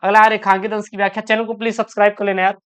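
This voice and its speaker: A woman's voice: medium pitch, little pitch movement, a bit bright, clear, resonant tone. A woman teaching an online exam-prep lesson. She calls her students "beta", reads each question aloud, often repeats it, then answers it. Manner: addresses students as "beta", quick and explanatory.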